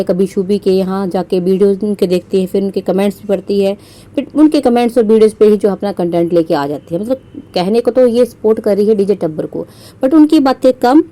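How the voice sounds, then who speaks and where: Scolding Indian woman, mellow voice. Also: medium pitch. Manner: scolding, sarcastic, many fillers. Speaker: podcast host. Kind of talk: casual roast commentary.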